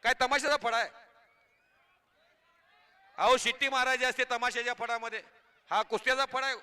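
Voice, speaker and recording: A man from Maharashtra announcing a wrestling match live over a loudspeaker, calling moves, prize money and scolding the crowd in an excited, shouting manner. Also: very high-pitched, normal speed, clean tone. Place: outdoor wrestling ground.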